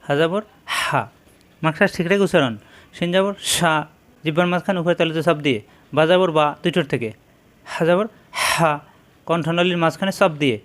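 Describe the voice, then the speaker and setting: A man with a Bangladeshi Bengali accent teaching Arabic letters, sounding out each syllable slowly and repeating it in drills. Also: fairly high pitch, a bit bright. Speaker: Quran reading teacher. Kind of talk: slow spelled-out recitation lesson.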